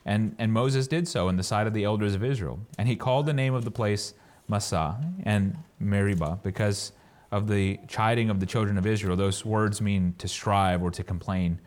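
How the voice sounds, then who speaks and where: Halting low-voiced man teaching scripture. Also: darkish tone. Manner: halting, often repeating words. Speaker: Bible teacher. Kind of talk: Bible study sermon.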